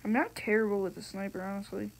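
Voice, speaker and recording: A gaming video host giving casual, excitable gameplay commentary, slangy and given to frustrated exclamations, on a noisy recording with clicks. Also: mid-range voice, fast, creaky.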